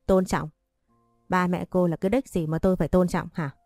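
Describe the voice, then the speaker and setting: A woman's voice: on the low side, steady tone, brisk, no echo, clean studio sound, faint music behind, natural voice. A woman voicing a scornful, haughty middle-aged stepmother-in-law in a spoken story. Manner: contemptuous, shouting.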